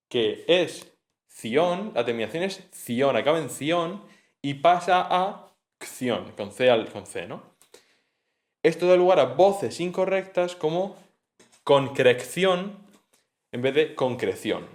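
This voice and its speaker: A man giving an informal exam-prep lesson, chatty and thinking aloud, with frequent tag questions and self-corrections. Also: mid-range voice. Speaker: teacher. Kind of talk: casual exam-prep lecture.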